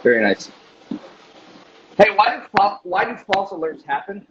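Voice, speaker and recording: A man with a fairly high voice hosts a casual chat. He reacts briefly and puts questions. The audio is muffled, with clear noise behind him. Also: big pitch swings, moderate pace. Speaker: interviewer, host.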